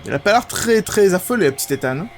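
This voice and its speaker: A young man from France giving excitable, casual commentary as he plays a video game, swearing now and then. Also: high voice, quick pace. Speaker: gaming video host. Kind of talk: casual let's-play commentary. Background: game music.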